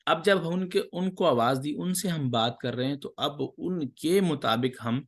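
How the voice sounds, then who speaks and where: A man teaching an Arabic lesson. He reads each sentence, translates it and praises the student's answers. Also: on the high side. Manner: reads Arabic lines, then translates and explains.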